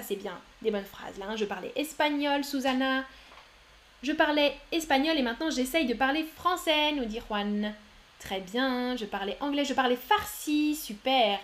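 A woman teaching French on a live stream, reading out viewers' chat answers and praising them warmly. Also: a little high. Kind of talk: live-streamed language lesson.

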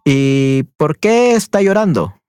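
A man teaching a language lesson, encouraging a student and slowly repeating questions with English glosses. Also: a little high, animated, a little mellow, soft background music. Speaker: Spanish teacher.

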